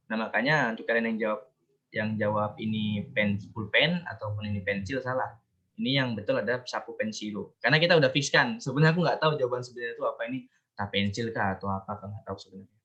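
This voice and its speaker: A man's voice: mid-range voice, bright, forceful tone, muffled recording. Chatty man teaching an online class. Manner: chatty, explains with repeated fillers and restarts. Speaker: Japanese language teacher.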